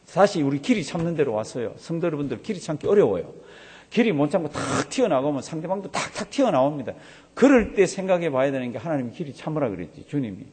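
A man's voice: fairly high pitch, very animated, quick pace, darkish tone, breathy edge. A man preaching a sermon as a pastor, telling a story and acting out the voices of the people in it. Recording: long hall reverb.

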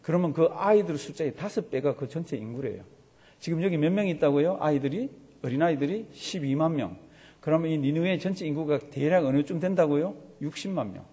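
A man's voice: on the high side, a little fast, warm tone, slightly rough, big-room sound. A man preaching a sermon as pastor, telling the story animatedly and full of vivid sound words.

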